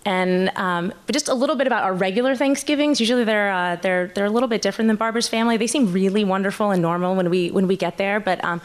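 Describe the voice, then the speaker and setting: A woman telling a personal story live on stage, nervous and halting, often restarting her sentences. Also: medium pitch.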